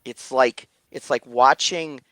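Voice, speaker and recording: A man narrating a tabletop game as game master, halting and repeating words as he goes. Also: medium pitch, steady tone, a bit bright, no echo.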